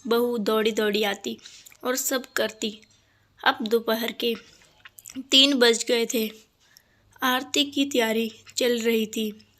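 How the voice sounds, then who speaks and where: A woman narrating a family story in a deliberate, scripted storytelling manner. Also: fairly high pitch, fairly even intonation, a bit bright. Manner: slow, deliberate telling.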